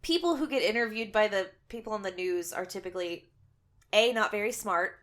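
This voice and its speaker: A woman's voice: mid-range voice, brisk, fairly bright tone. A young woman co-hosting a podcast, chatting casually about a horror film and rambling with lots of fillers. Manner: rambling, heavy on 'um' and 'like'. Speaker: podcast co-host. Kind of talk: casual film review chat.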